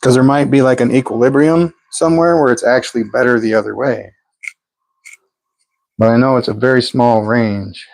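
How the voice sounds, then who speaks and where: A man's voice: medium pitch, fairly even intonation, normal speed, vocal fry, darkish tone, dry recording, low-quality recording. A man hosting a live stream from a home workshop, streaming by phone and calling out meter readings with chatty asides. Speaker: host of a pulse motor channel. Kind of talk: live-stream tinkering commentary.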